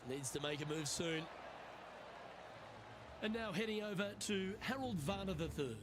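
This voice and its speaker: A man's voice: sits high, animated, unhurried, background noise. A man giving polished broadcast play-by-play commentary in a golf video game. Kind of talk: sports commentary.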